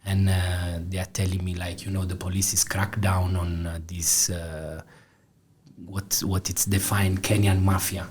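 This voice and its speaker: This deep, level voice, a little slow and darkish, comes from a southern Italian film director in his forties with a Neapolitan accent. Interviewed as a studio guest, he uses many fillers and restarts, and there's a little hiss or hum.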